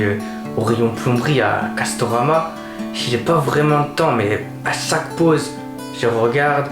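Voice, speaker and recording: A man playing a gushing twenty-year-old film fanatic in a mock video portrait, talking in a halting, repetitive, naively enthusiastic way. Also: mid-range voice, natural voice. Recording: echoey room with guitar music.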